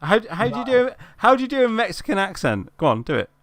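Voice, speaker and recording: A man's voice: sits high, big pitch swings, fast, fairly bright tone, dry recording. A man hosting a live stream on a video call, chatting casually, laughing often and swearing freely. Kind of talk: casual chat.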